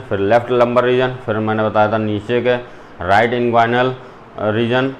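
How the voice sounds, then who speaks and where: A man's voice: lowish voice, a little hiss or hum. A male zoology teacher giving a classroom lecture, explaining step by step and mixing in English terms.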